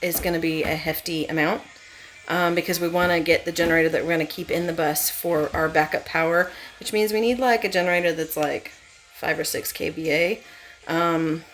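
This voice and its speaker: A woman with a low, slightly bright voice talks briskly with fairly even intonation. She's vlogging her DIY school bus conversion, explaining things casually as she goes, with clear ambient noise in the background.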